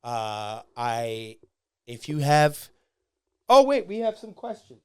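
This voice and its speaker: A man talks casually and excitedly as a podcast host, swearing freely and leaning on "uh" and "um" between thoughts. His voice is smooth and resonant, recorded dry and close with almost no room sound. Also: on the high side, takes it slowly, dry recording. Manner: excitable, swearing, frequent fillers. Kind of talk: casual fan commentary.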